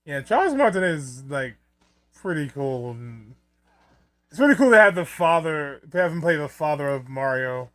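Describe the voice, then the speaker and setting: A man's voice: a little high, lively intonation, normal speed, a bit bright. A man giving casual, rambling and joking film commentary, with some swearing. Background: film soundtrack music.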